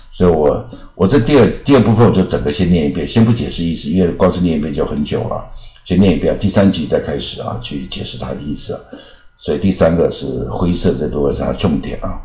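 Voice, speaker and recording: An older man teaching English, chatty and repetitive, who slowly reads English legal text aloud. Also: a bass voice, a little mellow, echoey room. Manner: chatty, repeats phrases with drawn-out particles; slow, careful read-aloud of English text. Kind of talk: lecture.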